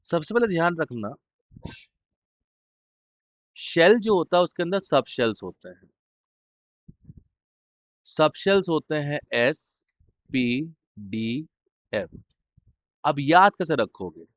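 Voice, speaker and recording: In an informal exam-revision lesson, a chemistry teacher talks directly to his students, repeating key terms and tossing in blunt, joking asides. His voice is fairly high, and the recording is lo-fi with no echo.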